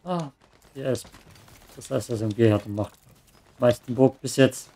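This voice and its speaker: A man's voice: medium pitch, unhurried, dark tone. A man giving casual commentary while playing a video game, with joking, sarcastic asides. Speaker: let's play gamer.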